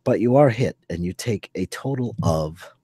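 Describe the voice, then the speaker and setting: A man narrating a one-on-one tabletop game as game master, in a loose, halting way with many fillers. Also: on the low side, expressive, dark tone, breathy edge, dry recording.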